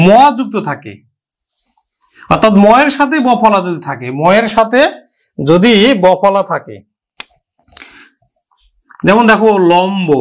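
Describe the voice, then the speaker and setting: A man teaching a pronunciation lesson, asking himself questions and repeating each example word slowly and deliberately. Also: high-pitched, a bit bright. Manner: asks questions and answers them himself. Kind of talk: grammar lesson at a board.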